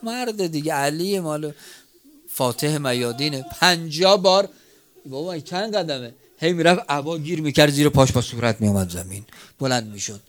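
Man, preacher, mourning sermon, loud cries, hushed asides, lively pitch. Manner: swings between loud cries and hushed near-whispers, tearful chant.

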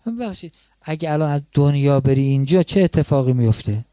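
A gentle, patient holy man asks his questions calmly and kindly, voiced by a male preacher. The tone is mellow and fairly high, and the voice sounds close and dry. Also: no room sound, natural voice.

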